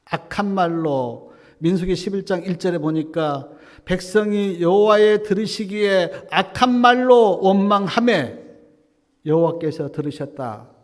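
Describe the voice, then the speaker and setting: A male pastor preaching a sermon, swinging from loud exclamations to hushed whispers and acting out quoted prayers. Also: high voice, a little slow. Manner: acts out quoted prayers and complaints. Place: church sanctuary. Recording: long hall reverb.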